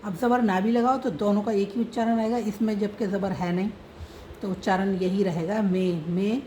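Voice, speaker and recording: A woman's voice: mid-range voice, fairly even intonation, moderate pace, mellow, a little hiss or hum, poor audio. A woman teaching how to read and write a script, spelling out letters and sounds patiently. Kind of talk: slow script lesson.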